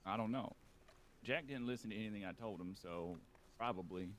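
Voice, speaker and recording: A man's voice: fairly low pitch, brisk, fairly bright tone. A man in an in-character western role-play, bantering in a dry, stubborn drawl.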